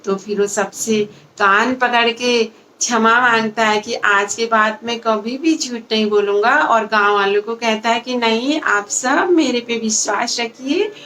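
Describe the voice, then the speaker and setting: A woman's voice: on the high side, measured pace, sharp tone, slight background noise. A woman telling a moral story to children in a chatty way, talking to the kids directly.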